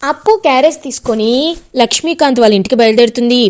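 A woman storyteller retelling the plot of a television serial in an animated way. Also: on the high side, quick pace.

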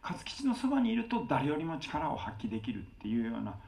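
A man's voice: fairly high pitch, huge pitch swings, fast talker, gravelly, darkish tone. A man who is a film director, answering on a cinema stage in earnest, long, winding sentences.

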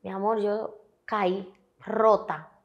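A young woman with a Dominican Spanish accent, a guest telling her story in a candid, emphatic, animated way. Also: medium pitch, slow pace, lo-fi sound. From Dominican Republic. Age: young adult. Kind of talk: candid interview talk.

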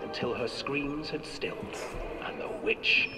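A man narrating a dark fairy tale in a horror game, in a hushed, at times whispery storytelling voice. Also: medium pitch, measured pace. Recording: echoey hall from far off, music behind.

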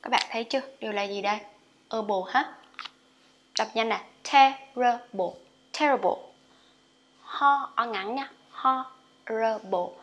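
A woman's voice: a little high, steady tone, fairly bright tone. A woman teaching English pronunciation in a casual online lesson, chatty and full of friendly particles. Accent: Vietnamese. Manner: chatty, lots of sentence-final particles; drawn-out model words when demonstrating.

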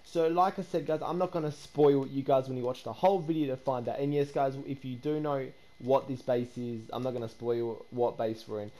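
A man hosting a game video, excitable and chatty, slipping into shrill indignation when he feels cheated. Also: fairly quick, few pauses. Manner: excitable, repeats "guys" and "bro", turns shrill and indignant. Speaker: gaming YouTuber host. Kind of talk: gaming commentary with voice chat.

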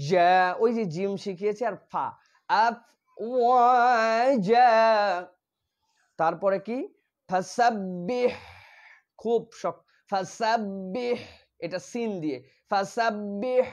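A man teaching Quran pronunciation and tafsir, drawing out Arabic words loudly, then explaining more quietly. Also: high-pitched.

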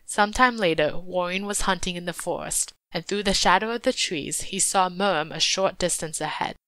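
Low-voiced woman reading a story. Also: moderate pace, bright, forceful tone, no echo. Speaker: audiobook reader. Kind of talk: storybook narration.

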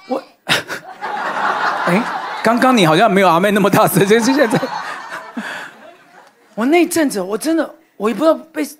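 A middle-aged male pastor, preaching to a congregation in a lively storytelling sermon that swings between loud and soft. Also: high-pitched, a little hiss or hum. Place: church hall, in front of a congregation.

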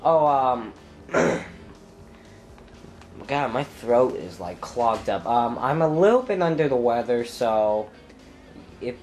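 Stuffed up and sounding unwell, a young man commentates a racing game in a casual let's-play, talking slowly and loosely at a medium pitch. He thinks aloud, trails into ums, and bursts into sudden loud yelps, animated despite a stuffy nose and congested throat, while faint game music plays underneath.

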